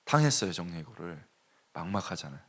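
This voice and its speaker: A male pastor preaching a sermon, telling a story with animated swings between hushed and raised delivery. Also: low-pitched, quick pace, slightly rough. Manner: animated storytelling, dropping to a hush and rising sharply.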